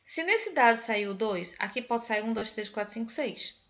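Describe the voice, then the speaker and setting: A woman's voice: fairly high pitch, expressive, normal speed, a bit bright, lo-fi sound. A woman math teacher with a Pernambuco Brazilian accent, explaining a lesson in an online class and patiently counting through examples step by step. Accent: Pernambuco Brazilian Portuguese. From Northeast Brazil. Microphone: video call.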